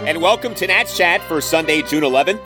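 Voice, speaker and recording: A man hosting a sports podcast, delivering a recap monologue with emphatic, deliberate phrasing into a close microphone. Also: fairly high pitch, animated, music in the background.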